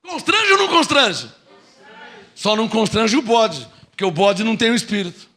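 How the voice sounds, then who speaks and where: Man, Brazilian accent, sermon, very high voice, bright tone, mocks doubters in a small voice. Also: big pitch swings. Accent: Brazilian Portuguese. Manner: swings from quick asides to slow, drawn-out shouted proclamations; mimics doubting listeners in a small mocking voice. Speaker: pastor.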